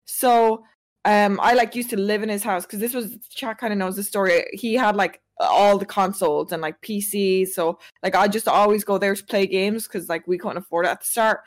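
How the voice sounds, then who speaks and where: A woman talks casually on a stream, rambling through a story. She leans on "like" constantly and restarts her sentences. Her voice sits at a middling pitch. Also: fairly even intonation, moderate pace. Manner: rambling, heavy use of "like".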